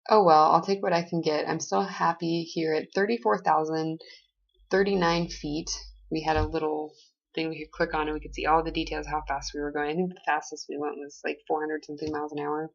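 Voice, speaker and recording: A woman's voice: low voice, level tone, fairly quick, gravelly, muffled recording. An American woman in her twenties, chatty and playful, narrating a casual travel diary. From United States. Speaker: vlogger.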